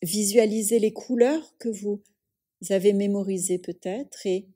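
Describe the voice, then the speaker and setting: A woman teaching yoga nidra talks listeners through relaxation in measured, soothing phrases with long pauses. Her voice is medium in pitch, calm, and edged with breathiness.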